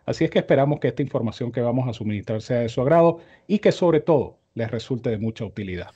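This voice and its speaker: A man analyzing horse races on a video call, with a measured explanatory delivery. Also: mid-range voice, lively intonation, mellow, slightly rough, lo-fi sound. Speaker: racing analyst. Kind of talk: horse racing analysis show.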